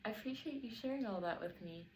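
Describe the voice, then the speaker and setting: A woman's voice: on the high side, lively intonation, quick pace, a little mellow, slight background noise, poor audio. A young woman, a student, interviewing a partner and carefully reading prepared questions and explanations from notes.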